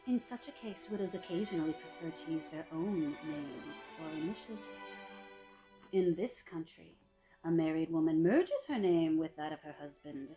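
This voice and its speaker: Female narrator, sultry and mellow, scripted book reading, soft phrase endings. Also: low-pitched, expressive, faint music behind, poor audio. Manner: sultry, slow-savoring delivery with soft trailing phrase ends. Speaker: reader of a public-domain etiquette book.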